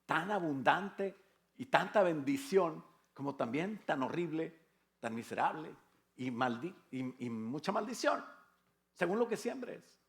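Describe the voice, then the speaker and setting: A man's voice: on the high side, lively intonation, measured pace, gravelly. An older man with a Mexican Spanish accent, a pastor preaching a sermon in a conversational way, with rhetorical questions and jokes. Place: church.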